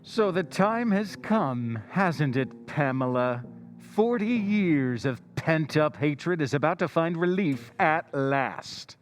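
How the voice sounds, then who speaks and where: The Whistler, insinuating narrator. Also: male voice, fairly high pitch, lively intonation, faint music behind. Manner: addresses the listener's character directly, slow and insinuating. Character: male Whistler narrator, ominous, knowing, taunting. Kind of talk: 1940s radio drama narration.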